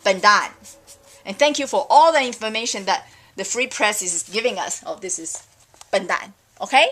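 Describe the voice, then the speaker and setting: A woman's voice: medium pitch, animated, moderate pace, a bit bright. Rambling woman. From Taiwan. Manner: rambling, exasperated, frequent fillers. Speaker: vlogger. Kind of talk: casual opinion rant.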